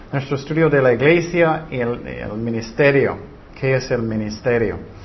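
An earnest man teaching a Bible study, lifting his voice to stress points. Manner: earnest, rises in pitch when stressing points. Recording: slightly dull recording with faint noise.

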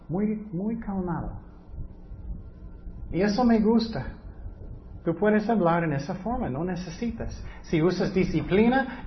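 A man's voice: sits high, dull audio, a little hiss or hum. A man preaching a sermon, teaching earnestly and asking his listeners rhetorical questions.

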